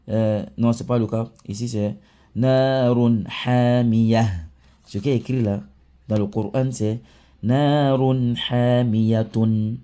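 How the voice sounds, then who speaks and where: A man teaching Quran recitation, chanting example words slowly and often checking in with the listener. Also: mid-range voice, mellow. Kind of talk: teaching lesson.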